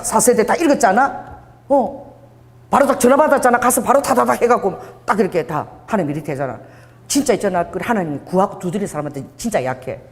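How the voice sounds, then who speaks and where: A middle-aged woman pastor preaching a lively sermon, telling stories and acting out the dialogue herself. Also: mid-range voice. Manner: animated storytelling, acting out dialogue, frequent filler "막". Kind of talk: lively Pentecostal sermon with acted anecdotes. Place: church hall. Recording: long church hall reverb.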